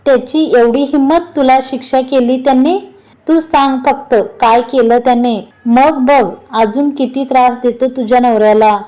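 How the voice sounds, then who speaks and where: Woman reading a cheeky young brother-in-law, high mellow tone, sneaky and teasing. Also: fairly even intonation, normal speed, lightly acted, rough recording. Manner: playful, sneaky, hushed pleading.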